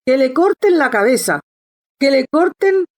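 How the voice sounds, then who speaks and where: A woman's voice: on the high side, very animated, normal speed, dry recording, studio quality. A woman reading an audiobook, voicing a stern, imperious queen of playing cards who barks orders. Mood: furious. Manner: harsh, shouting orders.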